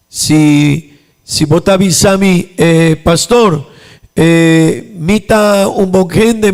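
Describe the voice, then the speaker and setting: A man's voice: on the high side, a little mellow. A man with an Aruban accent, a pastor preaching a sermon in a church, repeating his points with emphasis and rising in volume on key lines. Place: church sanctuary.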